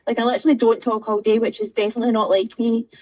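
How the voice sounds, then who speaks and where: Brief: woman participant, higher voice, hesitant and candid, lo-fi video call audio. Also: little pitch movement, very fast, a little mellow. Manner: hesitant, candid, many fillers. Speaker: coaching group participant. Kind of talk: sharing on a group video call.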